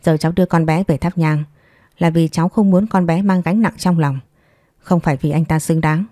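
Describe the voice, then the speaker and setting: A woman voicing a composed, divorced young mother who speaks calmly and firmly, weighing each word. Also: low-pitched, no echo, clean studio sound, lightly acted. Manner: calm, measured, clipped.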